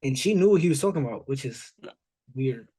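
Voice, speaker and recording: A man's voice: mid-range voice, lively intonation, brisk, warm tone, husky. A young man co-hosting a podcast, chatting in a laid-back, blunt, mocking way. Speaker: podcast co-host. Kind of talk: casual chat.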